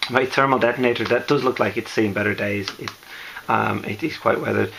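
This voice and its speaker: Hoarse, low-voiced man explaining his handiwork. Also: background noise. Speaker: costume maker presenting a build. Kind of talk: casual explanatory show-and-tell.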